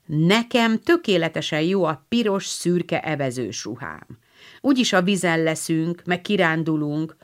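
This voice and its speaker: A woman reading an audiobook, voicing an eager, tomboyish teenage girl in a lively, exclamatory way. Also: deep voice. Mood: breezy.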